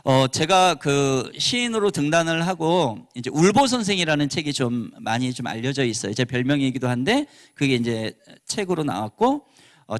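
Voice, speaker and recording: Middle-aged male pastor lecturing teachers, high lively voice, acts out bits of dialogue. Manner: animated, acts out quoted dialogue. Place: church hall.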